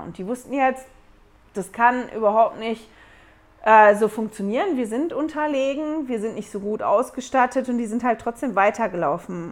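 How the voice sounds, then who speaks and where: Chatty woman retelling church history. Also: fairly high pitch. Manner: chatty, paraphrases in her own words with fillers. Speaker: church study presenter. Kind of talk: casual scripture study talk.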